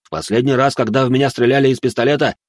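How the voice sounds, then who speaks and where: A smug, cocky tattooed thug drawls out mockery in an unhurried way, as a male narrator puts him on. His voice is husky and a little raised from the narrator's own. The recording is dry and close. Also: mid-range voice, steady tone, no echo, lightly acted. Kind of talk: audiobook story narration.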